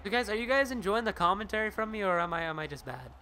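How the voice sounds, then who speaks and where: A man doing amateur play-by-play commentary of a hockey video game, excitable and shouting on big plays, with casual profane asides to viewers. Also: high-pitched, quick pace, a little hiss or hum.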